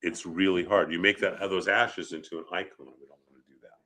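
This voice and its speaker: Low-voiced and fairly quick, this rabbi keeps a fairly even intonation and a sharp tone. He has a head cold and sniffles a little while giving a casual, conversational lecture on funeral customs, frequently pausing to ask short questions.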